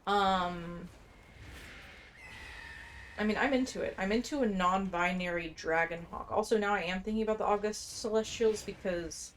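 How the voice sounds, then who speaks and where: Informal and musing, a medium-pitched game streamer talks through her play at a moderate pace, sometimes reading quest text aloud. The recording carries faint background noise and ambient game sound.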